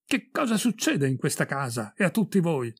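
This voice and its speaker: A man reading the lines of a stubborn father, who speaks gruffly and insists on his point. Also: on the high side, very animated, moderate pace, dry recording, clean studio sound, exaggerated voice. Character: stubborn, angry father of a family.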